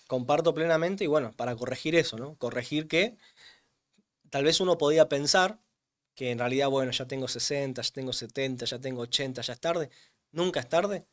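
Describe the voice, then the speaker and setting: Guesting in an interview, a man who coaches strength for older adults explains things with emphasis, a little fast, in a mid-range voice. He repeats words to drive his points home.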